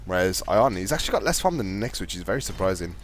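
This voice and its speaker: A man casting a live video game match, fast play-by-play with a fairly steady delivery. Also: low voice. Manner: fast, chatty play-by-play talking to co-caster; calls his own voice monotone. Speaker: esports caster.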